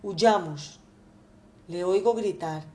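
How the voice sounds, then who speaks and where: A woman's voice: lowish voice, slow, a little mellow, recorded from a distance, voice pushed down. A woman voicing a sly male servant who hurries his master along in an urgent, conspiratorial way.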